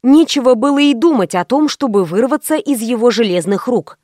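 A woman narrating a first-person story as an audiobook, brisk and lively. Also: fairly high pitch, dry recording, clean studio sound.

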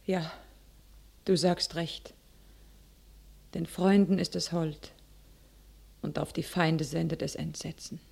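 An actress playing a devout, guilt-ridden warrior maiden in a classical verse radio drama, solemn and declamatory. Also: female voice, deep voice, steady tone, takes it slowly, creaky, pauses often, slightly rough, heavily acted. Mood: subdued, dazed. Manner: declamatory, solemn, swelling from hushed to crying out.

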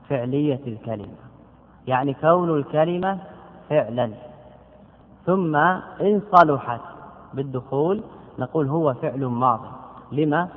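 A man teaching a classical grammar lesson, explaining step by step, repeating key words and asking and answering his own questions. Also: a little high. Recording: tinny lo-fi recording with long hall reverb.

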